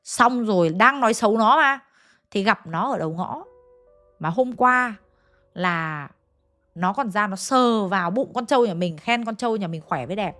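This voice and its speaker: With faint music underneath, a young woman speaking Hanoi Vietnamese recounts a ghost story, chatting directly to the people listening. She sounds animated and fairly bright, at a medium pitch and normal speed.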